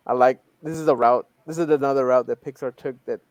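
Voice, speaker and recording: Man, mid-pitched, dry sound, short bursts, repeats himself. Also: fairly even intonation, quick pace, no room sound, lo-fi sound. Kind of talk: casual group chat.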